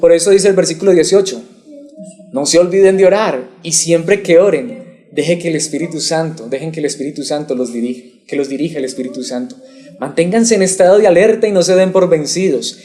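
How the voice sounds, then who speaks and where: A man preaches a Bible sermon, asking his listeners questions and waiting for them to answer. His voice sits somewhat high but stays warm and mellow rather than bright. He sounds like a pastor teaching his church. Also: brisk. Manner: asks the congregation questions and waits for replies. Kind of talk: expository sermon.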